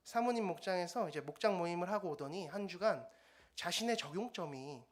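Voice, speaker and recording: A young man, a junior pastor, preaching a dawn service sermon in a church and telling his own story with lively acted-out dialogue. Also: high-pitched, a little fast. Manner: animated storytelling, acting out quoted dialogue. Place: church sanctuary.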